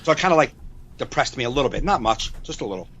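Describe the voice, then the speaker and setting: A man's voice: mid-range voice, expressive, racing, fairly bright tone, slight background noise. A man in his forties, a comedian co-hosting a podcast, rambling in casual chat over a video call, repeating himself and swearing freely. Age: 40s.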